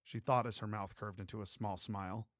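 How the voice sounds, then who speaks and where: A man narrating a romance audiobook in a steady, even storytelling way. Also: fairly low pitch, brisk, no room sound, clean studio sound. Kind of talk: scripted narration.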